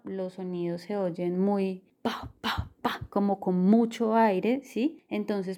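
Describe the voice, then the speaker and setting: A woman co-hosting a podcast lesson, explaining step by step in a calm, measured way. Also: mid-range voice. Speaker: podcast co-host.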